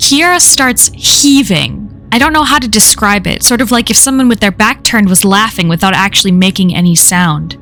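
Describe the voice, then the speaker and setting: A woman reads a horror story aloud for a live stream, her voice sitting at an ordinary middle pitch. She keeps a measured storytelling pace and slows down where the story grows tense. Soft music plays faintly behind her. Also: animated.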